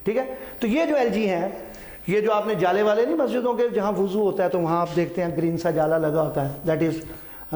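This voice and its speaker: High-voiced teacher lecturing in an echoey room. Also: male voice, a little mellow. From Pakistan. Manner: repeats terms, checks in with "ठीक है"; mixes English terms into Urdu. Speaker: science teacher. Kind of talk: classroom biology lecture.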